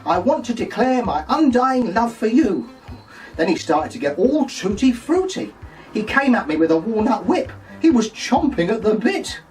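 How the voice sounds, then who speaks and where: A man playing a gossipy, saucy pantomime dame in a camp, shrill, mock-scandalised voice, delivering a comic monologue. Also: sing-song, moderate pace, darkish tone, recorded from a distance, soft background music, rough recording. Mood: scandalised, indignant. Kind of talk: comic monologue full of puns.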